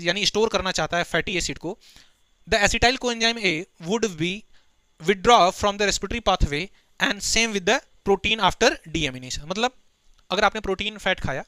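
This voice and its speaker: A man teaching biology for an exam, explaining step by step, asking students quick questions and mixing in read-out English textbook lines. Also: sits high, pushed and bright, no room sound. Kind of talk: exam-prep lecture.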